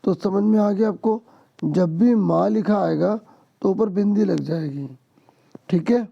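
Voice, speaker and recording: A hoarse man teaching an exam-prep lesson to students, explaining step by step and checking in often. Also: high-pitched, a little slow, highs cut off. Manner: explains step by step, keeps asking "ठीक है". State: hoarse, sore throat.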